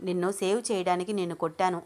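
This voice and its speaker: A woman's voice: lowish voice, steady tone, fast talker, a little mellow, natural voice. Abhiram is a bossy young man, protective and commanding. His lines come out as stern, blunt orders. A woman narrator reads him in an audio story.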